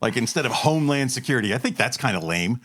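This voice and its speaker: A man's voice: mid-range voice, lively intonation, fast talker, a bit bright. A man on a podcast, trading dry, sarcastic jabs and telling long stories in casual banter. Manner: long storytelling stretches. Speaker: podcast co-host.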